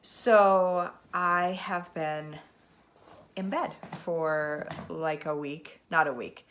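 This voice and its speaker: A woman in her thirties hosts a casual knitting podcast from home, sitting in a spinning chair and recorded on a camera mic. Her voice is low, steady and fairly bright, and she talks very slowly. Stuffed up with a cold, she rambles along with plenty of ums.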